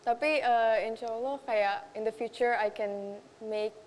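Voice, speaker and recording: A woman's voice: fairly high pitch, fairly even intonation, unhurried, in a large hall, slight background noise. A young Indonesian woman, a makeup artist, chatting casually in a talk show interview and mixing in English phrases. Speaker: makeup artist and content creator.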